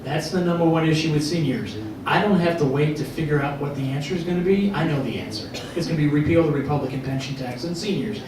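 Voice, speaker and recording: A man's voice: on the high side, quick pace, crowd noise. A man, a candidate at a public forum, making his point in a confident, emphatic way in a large echoey hall. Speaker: political candidate. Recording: echoey hall, heard from far off.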